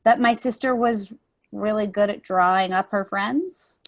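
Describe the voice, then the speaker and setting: Woman as a slow-paced skeptical older sister. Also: mid-range voice, close to an everyday voice. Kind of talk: amateur play reading.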